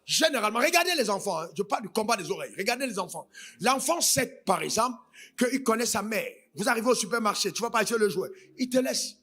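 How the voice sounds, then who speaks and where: High-voiced man preaching emphatically. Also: lively intonation, fast, breathy edge. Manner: emphatic, sing-song preaching with bursts of shouting. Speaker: pastor. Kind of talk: sermon.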